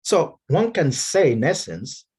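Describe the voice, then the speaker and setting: A middle-aged man with a Nigerian accent, giving a measured academic lecture with frequent fillers and restarts. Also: on the high side, big pitch swings, darkish tone, husky. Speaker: Baptist minister and speaker.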